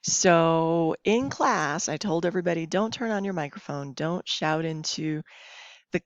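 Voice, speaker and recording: A Spanish teacher records a lesson, reading her slides aloud in a teaching manner and pausing for quick check-in questions. Her voice is low, expressive and unhurried. The home recording is dull, lo-fi and roomy.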